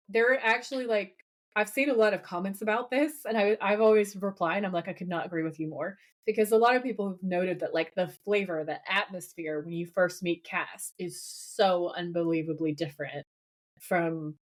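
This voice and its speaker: A woman co-hosting a podcast, chatting casually and enthusiastically with lots of fillers. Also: lowish voice. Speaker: podcast co-host. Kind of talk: casual chat.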